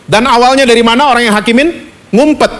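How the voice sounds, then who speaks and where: A male pastor preaching a lively, conversational sermon at a church service, often asking the congregation questions. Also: extremely high pitch, quick pace.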